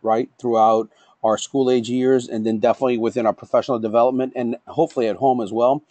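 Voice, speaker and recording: A middle-aged man teaching an online safety class. He talks fast and tags his points with "right?" and "okay?". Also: mid-range voice, dark tone, no room sound. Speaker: safety trainer.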